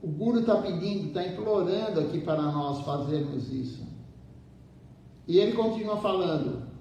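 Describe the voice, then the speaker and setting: A man with a fairly high voice delivers a devotional sermon, pressing his listeners and repeating key phrases again and again. He sounds well away from the microphone in a very echoey temple hall, with a faint low rumble underneath. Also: dark tone, far from the mic. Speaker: temple speaker.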